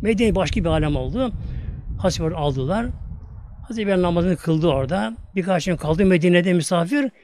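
High-voiced older man telling a sermon story. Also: expressive, darkish tone, slight background noise. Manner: emotional, slow storytelling with drawn-out pauses. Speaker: preacher. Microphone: audio recording of a talk.

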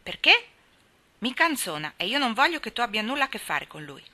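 A woman's voice: a little high, sing-song, brisk, sharp tone, pitched above the performer's own voice, exaggerated voice. A woman reading aloud, voicing a jealous little boy who scolds his sweetheart in a storybook. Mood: reproachful.

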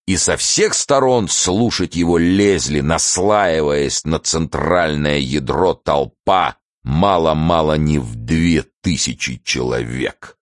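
A man's voice: extremely low pitch, slow, no echo, studio quality. A man narrating an audiobook expressively, shifting into voices for the characters. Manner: expressive storytelling with acted voices.

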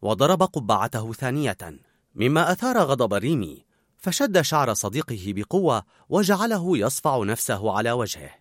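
A man narrating a children's story aloud in an animated, expressive way. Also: medium pitch, moderate pace, dry recording, studio quality.

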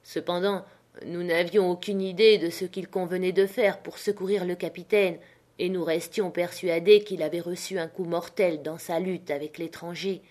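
A woman narrates a classic adventure novel in a steady, measured voice. Her pitch sits on the low side, and she reads with calm storytelling control. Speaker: audiobook reader. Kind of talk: scripted narration.

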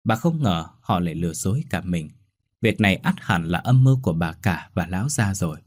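Deep husky male storyteller. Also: expressive, darkish tone, no echo, studio quality. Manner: measured storytelling. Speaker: narrator. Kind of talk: scripted ghost story narration.

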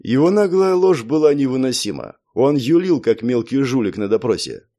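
A man narrating an audiobook in an even, measured storytelling style. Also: mid-range voice. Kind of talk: scripted narration.

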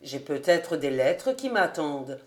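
A woman reading aloud who voices a kind, cheerful young gentleman in a lowered voice. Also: sing-song, unhurried, echoey room. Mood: regretful.

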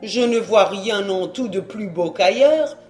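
A man voicing a clumsy, devoted rustic manservant who talks in loud exclamations and peasant oaths. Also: fairly high pitch, expressive, normal speed, soft background music, pitched below the performer's own voice, natural voice. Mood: scornful. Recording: roomy echo.

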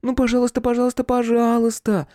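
A man's voice: high-pitched, lively intonation, a little fast, mellow, no room sound, studio quality, pitched above the performer's own voice. A man reading an audiobook, voicing a cheeky, pushy young woman with a wheedling sing-song manner. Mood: pleading.

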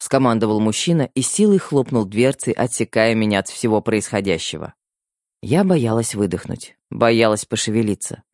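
Expressive male audiobook narrator. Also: on the low side, moderate pace, no echo, clean studio sound. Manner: expressive storytelling.

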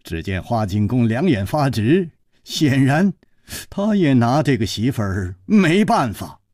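A man telling a traditional story with a Beijing accent and dramatic, lively intonation. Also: medium pitch, unhurried, dry recording, clean studio sound.

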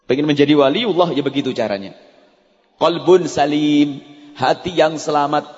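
High-voiced preacher in an echoing hall. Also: male voice, normal speed, soft background music. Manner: animated, acts out mock prayers and quoted voices; conversational, addresses the audience directly. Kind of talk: sermon. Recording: dull lo-fi recording with long hall reverb.

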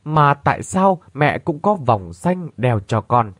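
A man's voice: big pitch swings, takes it slowly, fairly bright tone, dry recording, clean studio sound. A man voicing an anguished young woman in a read-aloud story, crying out in shock. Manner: cries out in high, anguished tones.

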